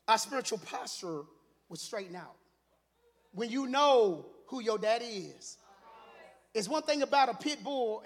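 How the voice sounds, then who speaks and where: High-voiced bright man preaching loudly. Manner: animated, builds to shouting; playful, teasing asides to the congregation. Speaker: elder preaching a sermon. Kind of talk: Sunday sermon.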